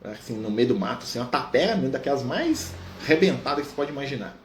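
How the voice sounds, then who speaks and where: A man leading a Spiritist study, telling a story in an animated way and tagging almost every phrase with a questioning "right?". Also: medium pitch, quick pace. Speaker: Spiritist study group leader. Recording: echoey room with faint noise.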